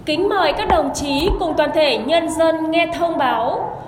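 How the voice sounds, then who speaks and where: A woman reading a formal, measured official announcement as a commune radio announcer over a public loudspeaker. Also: sits high. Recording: echoey loudspeaker, long reverb, background noise.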